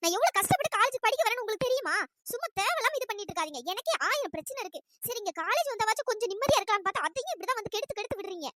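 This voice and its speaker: A shrill, fiery cartoon college girl. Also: animated, sharp tone, full character voice. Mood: annoyed scolding. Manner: scolding, exasperated, rapid-fire complaints. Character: fiery young female college student. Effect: pitch-raised voice. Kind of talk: cartoon voice acting.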